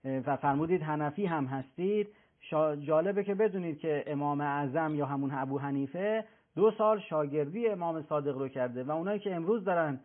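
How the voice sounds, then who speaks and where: A man speaking as a religious scholar on a talk show, telling a pious story earnestly and quoting the figures in it. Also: on the high side. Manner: earnest, preaching, recounts tales with quoted voices. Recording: thin phone-like broadcast sound.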